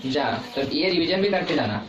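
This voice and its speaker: A man's voice: on the high side, lively intonation, moderate pace, lo-fi sound, faint music behind. A man teaching an English lesson to a class, repeating each point and asking the pupils questions. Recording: echoey classroom from far off, noisy.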